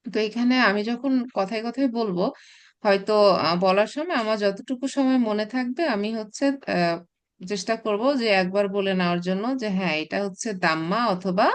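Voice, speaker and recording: A woman teaching a recorded Arabic class, explaining patiently with many pauses and restarts, mixing in English terms. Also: medium pitch, smooth. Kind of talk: recorded online class lecture.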